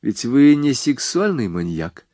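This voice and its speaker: A man reading the lines of a calm, bold young woman who teases and questions in an audiobook. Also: medium pitch, measured pace, no room sound, clean studio sound, voice pushed up. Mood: coaxing.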